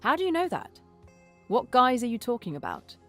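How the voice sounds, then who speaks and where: English accent, inquisitive young game investigator, wry, animated pitch. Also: female voice, moderate pace, faint music behind. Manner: probing, wry. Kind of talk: video game voice acting.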